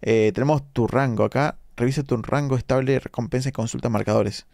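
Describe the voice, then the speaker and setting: A gravelly, darkish mid-range voice with fairly even intonation belongs to a young Argentine streamer speaking Rioplatense Spanish. Recorded dry and at studio quality, he chats casually during a late-night game, reading out chat comments with quick asides.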